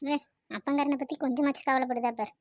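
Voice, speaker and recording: Woman doing a tired nagging cartoon mom, quick and dry. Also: high-pitched, fairly even intonation, darkish tone, dry recording, pitched below the performer's own voice, lightly acted. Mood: scolding. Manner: scolding, weary. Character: scolding middle-aged mother, tired, sharp-tongued.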